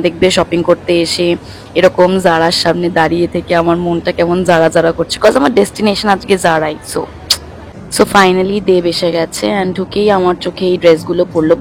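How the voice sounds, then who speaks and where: A woman's voice: on the low side, fairly even intonation, brisk, a little hiss or hum. A young woman chatting casually to her viewers in a vlog, mixing English phrases into her talk while filming on a phone. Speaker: lifestyle vlogger. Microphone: phone camera.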